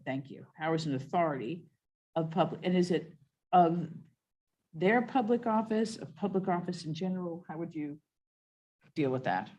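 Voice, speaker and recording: Woman commission chair, lowish voice, methodical, spells out wording slowly for the record. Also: lively intonation, a little mellow, lo-fi sound. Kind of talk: leading a public meeting. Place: meeting room.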